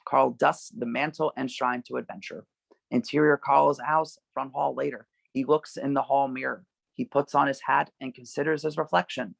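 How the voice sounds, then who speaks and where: A man with a creaky, gravelly voice of middle pitch handles the screenplay directions at a table read. The sound is close and dry with no room sound, and the audio is poor.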